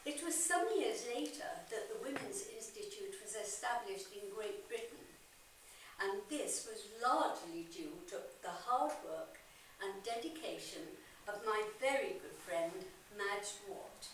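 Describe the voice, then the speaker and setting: A woman's voice: medium pitch, animated, measured pace, lightly acted. Woman playing a gracious pioneer lady orator, heavy echo. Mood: gracious, proud. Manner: formal, gracious. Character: dignified, gracious pioneering women's organizer of the early 1900s. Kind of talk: amateur historical monologue, scripted public speech. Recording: very echoey hall from far off, faint noise.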